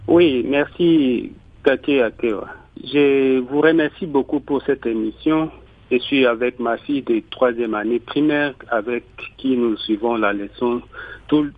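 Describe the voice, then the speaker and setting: A man, a parent and teacher, calling in from home with a polite, measured comment. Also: medium pitch, dry recording. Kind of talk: call-in comment. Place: bedroom at home. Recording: tinny phone line.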